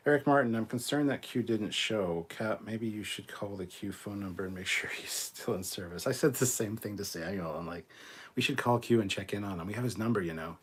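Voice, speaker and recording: A man hosting a live stream, reading viewer comments aloud and answering them in a relaxed, chatty way. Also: fairly low pitch, brisk, slightly rough. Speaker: host of a live fan show.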